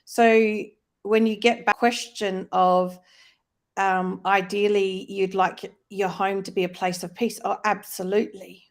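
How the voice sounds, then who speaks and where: A woman's voice: mid-range voice, level tone, a little slow. Reflective woman explaining in a live talk. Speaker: co-host of a live faith-based wellness discussion. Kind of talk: conversational teaching, live online talk. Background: plane passing loudly overhead.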